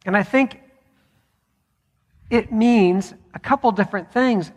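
A man preaching a sermon as pastor, measured, with deliberate pauses. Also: high-pitched. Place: church sanctuary. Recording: long hall reverb.

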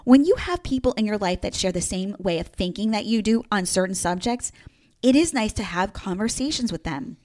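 A woman's voice: medium pitch, animated, fairly quick, a little mellow. A woman in her fifties with a New Jersey accent, hosting a solo podcast in an upbeat, emphatic, playfully sarcastic way. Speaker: podcast host.

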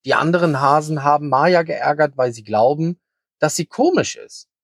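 A man's voice: on the high side, lively intonation, normal speed, vocal fry, dry recording, clean studio sound. A man voicing a small, shy young male hare in a children's story, speaking timidly and asking questions. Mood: sad.

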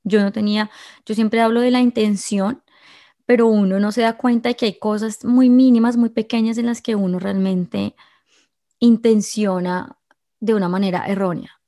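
A woman's voice: medium pitch, level tone, normal speed, mellow. A woman telling her viewers a personal story in an emotional, confiding way, often restarting her sentences.

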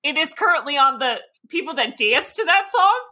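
A woman co-hosting a podcast, chatting casually, giggly and animated. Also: sits high, normal speed. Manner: giggly and animated, prone to shrieks. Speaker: podcast co-host. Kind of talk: casual chat.

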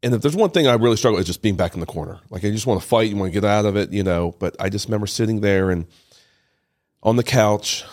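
A man giving an emotional personal testimony in an interview, halting and often repeating his words. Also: fairly low pitch, a little mellow. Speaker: interview guest, father. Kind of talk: personal testimony, casual storytelling.

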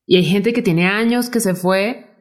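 A woman's voice: medium pitch, normal speed. A woman hosting a casual conversation, telling stories and acting out quoted voices. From Venezuela. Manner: animated storyteller who acts out quotes. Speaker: podcast host.

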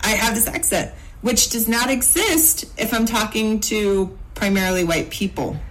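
A woman from California hosting her podcast, talking casually with lively, laughing asides. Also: medium pitch, normal speed, slight background noise, poor audio. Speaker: podcast host.

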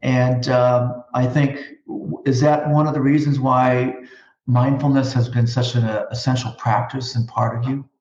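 Male host, interview show, measured delivery with fillers, roomy echo, muffled lo-fi sound. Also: mid-range voice, flat delivery, darkish tone. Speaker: school district superintendent hosting a talk show. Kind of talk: hosted interview.

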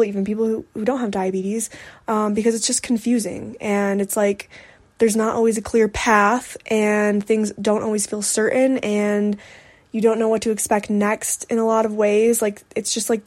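On her solo podcast, a twenty-something woman shares a personal update in a relaxed, candid, reflective way, with lots of "like" thrown in. Her voice sits at medium pitch and sounds a little mellow.

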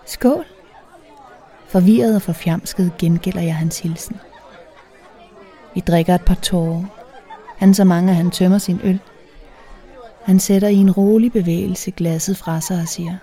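A woman narrating a first-person erotic story in a soft, intimate voice that often slips into a whisper. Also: on the low side.

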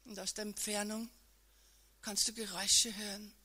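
A woman telling a dramatic retelling in the second person, moving between loud emphatic lines and hushed ones. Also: medium pitch, level tone, normal speed, breathy edge.

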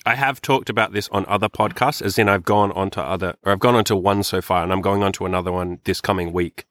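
A man with an Australian accent hosts a podcast, chatting casually in a loose, sweary, filler-heavy way. His low-pitched voice is fairly even and fairly bright, moving at a quick pace, recorded at studio quality with no echo.

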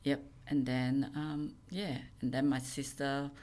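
Very low-voiced Singaporean woman. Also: level tone, dark tone. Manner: halting, plain phrasing. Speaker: guest, venue owner. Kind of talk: casual interview chat.

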